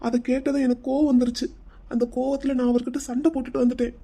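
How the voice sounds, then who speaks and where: A woman's voice: high voice, level tone, quick pace, warm tone. A woman voicing a stubborn young man in a cartoon who brushes off questions and then opens up. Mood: upset explaining. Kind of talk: cartoon voice acting.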